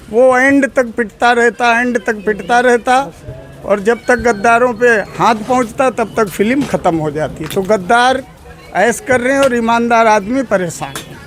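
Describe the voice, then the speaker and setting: A man being interviewed on the street, speaking with passion and emotion and calling the reporter "brother" again and again. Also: very high voice. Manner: emotional, addresses the reporter as "bhai sahab" over and over. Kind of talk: impassioned street opinion. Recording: loud crowd noise outdoors.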